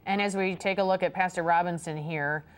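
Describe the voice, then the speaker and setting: Low-voiced woman anchoring live coverage. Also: fairly quick, clear, resonant tone. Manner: directing viewers, calm. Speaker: news anchor. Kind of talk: live news commentary.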